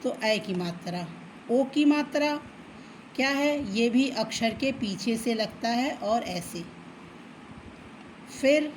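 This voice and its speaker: A woman teacher patiently explaining a children's lesson, often checking in with a quick okay and drawing words out slowly to sound them out. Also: on the high side, darkish tone, slight background noise, poor audio. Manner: slow, drawn-out syllables when reading words aloud. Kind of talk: children's Hindi alphabet lesson.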